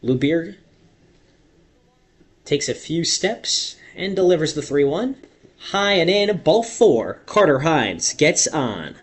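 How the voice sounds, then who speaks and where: Calling baseball play-by-play like a radio announcer, a young man uses a husky, fairly high voice with big pitch swings. He draws out the big plays dramatically.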